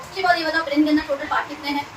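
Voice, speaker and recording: A woman, teaching a science class and quizzing students, repeating terms slowly for them to echo back. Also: sits high, steady tone, crowd noise. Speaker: science tutor. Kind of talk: classroom lesson with call-and-response drilling. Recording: echoey room, mic at a distance, audible noise.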